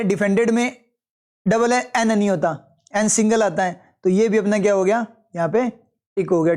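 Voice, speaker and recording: A man's voice: high-pitched, darkish tone. A man teaching English for exam prep, going through test answers step by step and asking and answering his own questions, with Hindi explanations mixed with English terms. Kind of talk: live test solution walkthrough.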